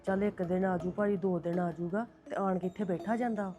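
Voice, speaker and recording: Woman, Punjabi accent, mellow dark tone, calm and reassuring, faint music behind. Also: lowish voice, a little fast. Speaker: ailing sister-in-law in drama. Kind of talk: Punjabi family drama acting.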